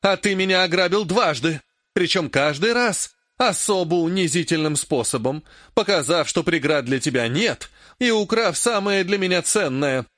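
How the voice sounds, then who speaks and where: A man reading an audiobook, voicing a furious, grasping old woman mage in a raised, shrill, scolding voice. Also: expressive, normal speed, fairly bright tone, dry recording, clean studio sound. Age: older.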